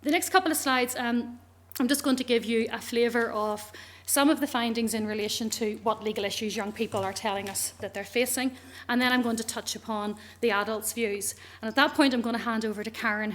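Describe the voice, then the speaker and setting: A middle-aged woman with a Northern Irish accent giving a research presentation to explain findings. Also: on the high side.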